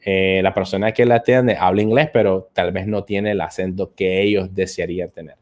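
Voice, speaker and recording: Hesitant low-voiced man teaching. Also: steady tone, normal speed. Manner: hesitant, frequent "eh" fillers and repeated words. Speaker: English teacher and host. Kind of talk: live-stream lesson answering viewer comments.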